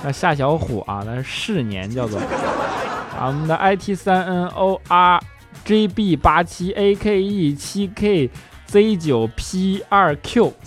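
A man's voice: high voice, measured pace, a bit bright. A male show host reading listener comments aloud and teasing them with jokes, laughing often in a playful manner. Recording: music bed under the voice.

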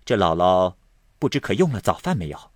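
A man voicing a brisk, teasing, authoritative young noblewoman in a storybook reading. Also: low-pitched, big pitch swings, no echo, studio quality. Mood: commanding. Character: sharp, commanding young noblewoman of the household.

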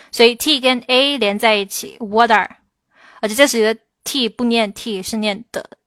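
A woman's voice: fairly high pitch, a bit bright, clear, resonant tone, no echo. Woman teaching English on a livestream. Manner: explains with slow, stressed English examples. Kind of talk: livestream Q&A lesson.

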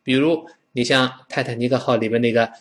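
A man teaching English pronunciation in an animated, playful way, drawing words out slowly for learners to repeat and acting out example sounds. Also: mid-range voice.

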